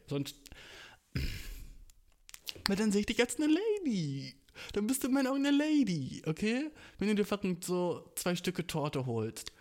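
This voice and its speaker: A man's voice: fairly high pitch, darkish tone. A young man ranting in a casual, comedic way, full of slang, English words and swearing, with playfully exaggerated outrage.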